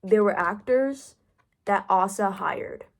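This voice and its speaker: A young woman rants through a book plot in a loose, casual way. She swears freely and fills her sentences with "like." Her voice sits at an ordinary middle pitch for a woman. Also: takes it slowly, creaky. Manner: profane, filler-heavy storytelling. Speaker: book vlogger.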